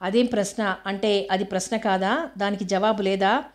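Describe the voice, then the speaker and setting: A woman's voice: mid-range voice, fairly even intonation, normal speed, natural voice. A woman reading the part of a jealous, hot-tempered husband confronting a rival. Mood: indignant. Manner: angry, confrontational.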